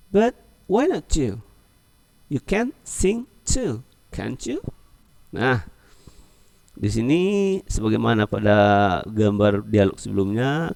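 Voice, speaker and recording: A man's voice: fairly low pitch, creaky, darkish tone, no echo. A male English teacher, explaining a lesson and reading dialogues aloud in a raised, sing-song voice.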